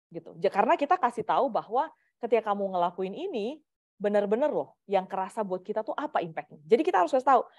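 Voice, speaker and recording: A woman's voice: medium pitch, no room sound. Chatty Indonesian woman giving work advice. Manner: lively, chatty, mixes in English phrases. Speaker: career coach. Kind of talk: casual workplace advice talk.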